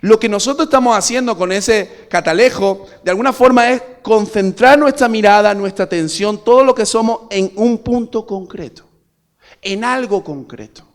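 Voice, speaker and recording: A man from Spain preaching a sermon to a congregation. He keeps asking them rhetorical questions and swings from loud, emphatic peaks to quiet asides. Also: high-pitched, moderate pace. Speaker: pastor.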